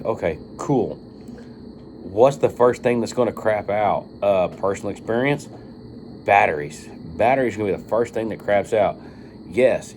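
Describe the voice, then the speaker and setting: Rambling man, lowish voice, noisy recording. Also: a little mellow. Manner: rambling, informal, with some swearing. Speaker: video reviewer of firearm optics. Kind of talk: casual unscripted monologue to viewers.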